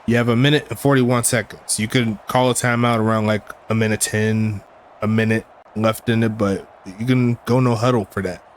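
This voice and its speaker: A man doing play-by-play commentary for a simulated football game from the booth, casual and quick to get excited. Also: lowish voice, slight background noise. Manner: excitable, breaks into shouts and laughs on big plays. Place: broadcast booth.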